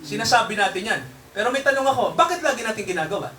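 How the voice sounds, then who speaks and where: A man's voice: high-pitched, lively intonation, racing, bright, forceful tone, roomy sound, recorded from a distance, a little hiss or hum. A man preaching a sermon to his congregation in a mix of Tagalog and English, constantly checking in with tag questions. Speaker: pastor. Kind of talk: Taglish sermon.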